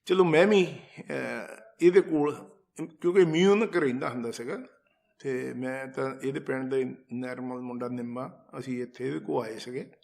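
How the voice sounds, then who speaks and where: A man's voice: medium pitch, normal speed, gravelly, a little mellow. A man telling a personal devotional story in a casual, conversational way, retelling conversations and turning to his listeners with asides. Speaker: storyteller sharing a devotional account. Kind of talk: casual spoken testimony.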